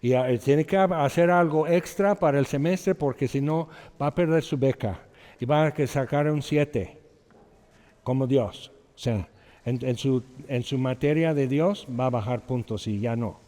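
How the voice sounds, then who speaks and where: A man's voice: mid-range voice, unhurried, dark tone. A man preaching a sermon as pastor, talking conversationally, reading scripture aloud and acting out quotes. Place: church hall. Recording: long echoing reverb of a hall.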